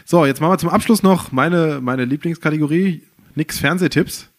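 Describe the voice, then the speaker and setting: A man's voice: on the high side, moderate pace. A man hosting a casual podcast, teasing and upbeat. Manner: teasing, upbeat, wraps up the show. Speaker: podcast host.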